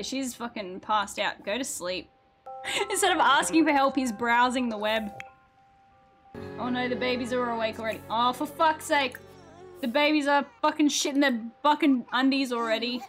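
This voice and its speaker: High, lively woman swearing through a game. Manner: swears a lot, laughs loudly, shrieks with laughter. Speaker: streamer playing a life sim game. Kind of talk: casual gameplay commentary.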